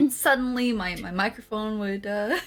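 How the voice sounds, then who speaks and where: A woman's voice: mid-range voice, unhurried, soft background music. A woman hosting a casual livestream in a jokey, giggly, mock-professional way. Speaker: livestream host. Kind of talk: casual comedic livestream chat.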